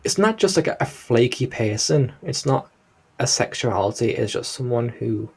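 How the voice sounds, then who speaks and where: A man's voice: medium pitch, expressive, moderate pace, gravelly, husky. A man with a Liverpool Scouse accent giving casual, rambling, disapproving commentary in a hesitant way. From Liverpool, England. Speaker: reaction video host.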